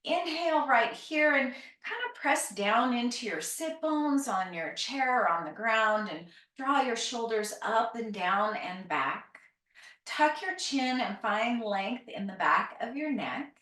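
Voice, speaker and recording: In a roomy, echoing space, a woman speaks at a slow pace, guiding a calm grounding exercise as a yoga teacher. Her instruction is gentle and encouraging, with softly trailing phrase endings. The microphone sounds set back from her. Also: on the high side, distant mic.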